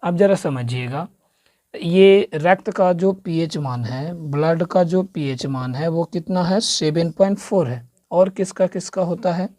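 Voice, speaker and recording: A man's voice: fairly high pitch, unhurried, warm tone, no echo, clean studio sound. A man giving an exam-prep science lesson as a coaching teacher, quizzing the listener with repeated questions and drilling the answers. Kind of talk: exam-prep classroom lecture.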